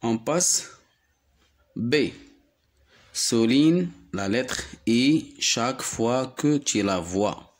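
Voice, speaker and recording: A man from Morocco with a Moroccan accent, teaching young children to read and repeating each word slowly, syllable by syllable. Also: mid-range voice, a little mellow. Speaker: primary school teacher. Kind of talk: slow, deliberate reading lesson for young children.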